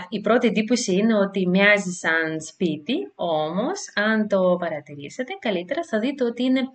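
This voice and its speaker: A woman teacher leads a beginner language lesson at an unhurried, careful pace. She pauses and hesitates often, and sounds out letters and example words clearly so learners can repeat them. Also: mid-range voice. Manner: slow, careful explanations with frequent hesitations.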